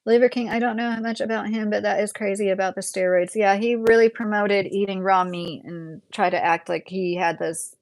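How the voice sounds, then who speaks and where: This late-thirties woman hosts a relaxed YouTube livestream, chatting her way through viewer comments with a Midwestern accent from Southern Indiana and frequent chuckles. She speaks in a mid-range voice with little pitch movement, at a moderate pace with few pauses, and the recording is dry.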